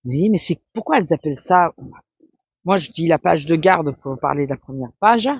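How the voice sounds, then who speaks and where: A woman's voice: low voice, lively intonation, fairly quick, husky, no room sound. Woman vlogger, casual rambling chat, muffled dry home recording. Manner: rambling, chatty, many fillers. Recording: dull lo-fi sound.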